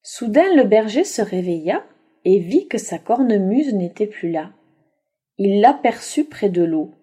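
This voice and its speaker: Woman storyteller, slow and animated, mellow dark tone. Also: medium pitch, husky. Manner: slow, lively intonation. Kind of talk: storybook reading aloud.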